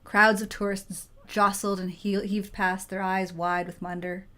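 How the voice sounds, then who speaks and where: A woman reading a text adventure game aloud in an expressive storytelling way. Her voice is moderately pitched and measured.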